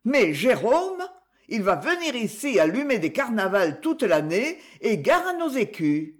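A woman voicing a talkative, jealous village washerwoman who speaks in a shrill, quick-tongued way. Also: big pitch swings. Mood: teasing.

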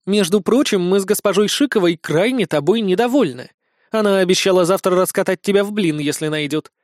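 A man's voice: sits high, brisk, no room sound, studio quality, pitched above the performer's own voice, natural voice. A man voicing a playful, confident young empress who teases affectionately. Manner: teasing, affectionate.

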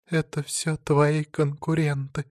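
A man voicing a deceitful young woman who feigns tearful fright, in a high, trembling, pleading voice, in an audiobook reading. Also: a little slow, no echo, clean studio sound.

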